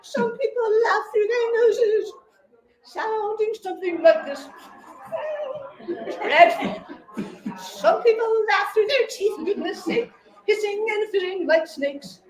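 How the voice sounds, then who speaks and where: Lady doing a high prissy fussy woman, sniffy and disapproving, echoey room, crowd around. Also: slow, long pauses. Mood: prim disapproval.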